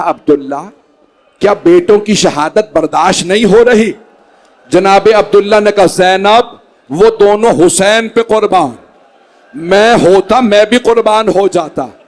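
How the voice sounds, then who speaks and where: A man's voice: high voice, a little slow, darkish tone. A male cleric reciting a mournful sermon in a large hall before a gathered congregation, pleading and rising into impassioned wailing cries. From Pakistan. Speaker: Shia cleric reciting a majlis.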